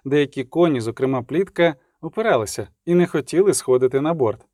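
A man narrates a novel in a steady, even read with a dry edge of humour. His voice is mellow and dark, set fairly high for a man, and the recording is close and dry. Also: a little fast, dry recording. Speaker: audiobook narrator. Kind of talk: scripted narration.

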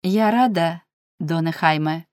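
A woman voicing a shy, soft-spoken young lady. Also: medium pitch, animated, measured pace, no echo, studio quality, natural voice. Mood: timid. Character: timid gentle young noblewoman, wife. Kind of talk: audiobook character voice.

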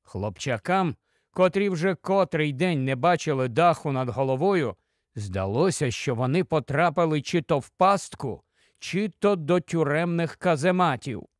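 A man narrating an audiobook in a steady storytelling manner. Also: fairly high pitch, a little slow, dry recording, studio quality. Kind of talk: scripted narration.

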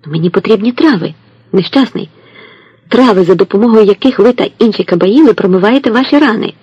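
A man's voice: high voice, lively intonation, fast, slightly rough, no room sound, highs cut off, pitched above the performer's own voice. A man voicing an older nun who gives urgent, commanding orders, in a storybook reading.

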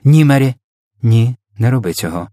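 A man's voice: fairly low pitch, lively intonation, moderate pace, breathy edge, no echo, studio quality. A man voicing a startled, commanding queen. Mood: stunned. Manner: sharp and commanding, drops to a hushed whisper. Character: startled, dignified queen woken from a dream.

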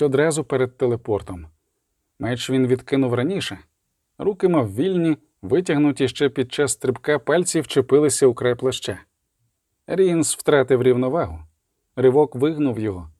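A man's voice: mid-range voice, warm tone, no echo, clean studio sound. A man narrating an audiobook with tense, dramatic, clipped phrasing. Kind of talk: audiobook reading.

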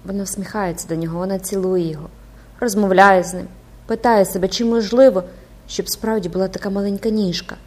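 A woman narrates a classic novel in an expressive, dramatic reading. Her voice sits at a middle pitch, and her scripted narration is steady and engaged. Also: fairly quick. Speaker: audiobook narrator.

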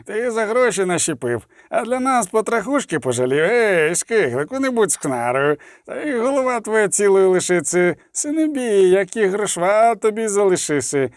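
Man doing a fat, leering, taunting mercenary; loud, lively. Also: high-pitched, dry recording, clean studio sound, pitched above the performer's own voice. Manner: coarse, leering.

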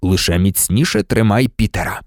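A man voicing a calm, earnest middle-aged male teacher who speaks low and steady. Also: normal speed, dry recording, clean studio sound.

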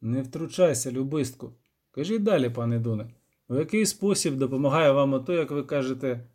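Male reader as steady, polite monster hunter, even and patient. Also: medium pitch, natural voice. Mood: calm. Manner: calm, measured and polite.

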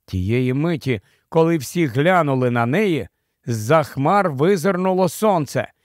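A man narrates an audiobook from a script, using a measured storytelling manner. His voice sits on the high side, recorded as clean studio sound with no echo.

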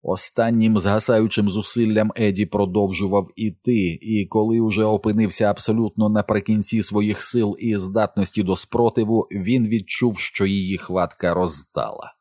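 Low-voiced male audiobook narrator. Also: fairly even intonation, a little mellow, no room sound, studio quality. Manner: measured literary reading.

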